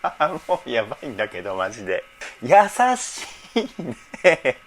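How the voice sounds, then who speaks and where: A man's voice: medium pitch, very animated, normal speed, fairly bright tone, faint music behind. A man working as a vocal trainer, analyzing singing in a reaction video, emotional and teary, often laughing. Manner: emotional, repeatedly laughing and moved.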